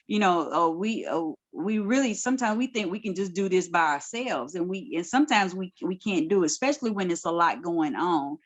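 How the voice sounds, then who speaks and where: A middle-aged woman, a guest minister, giving direct, colloquial life advice in a casual podcast chat. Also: on the low side.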